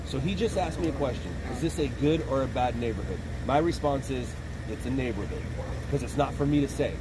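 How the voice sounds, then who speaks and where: A man live-streaming from a city street, chatting quickly and repeating himself as he talks to people at a scene. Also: medium pitch. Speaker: live-streaming news videographer. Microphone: phone on a car mount. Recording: loud traffic noise outdoors. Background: passing cars.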